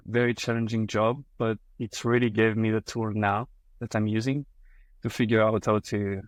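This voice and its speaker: A gravelly, low-side voice belongs to a man in his thirties from France, a podcast guest with a French accent. He hesitates often, using many fillers and restarting sentences, and the recording is dry and rough.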